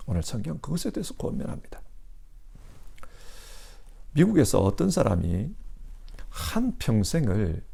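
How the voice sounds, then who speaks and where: A man's voice: mid-range voice, vocal fry, dark tone. A male pastor preaching a sermon in a church, asking the congregation emphatic rhetorical questions. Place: church sanctuary.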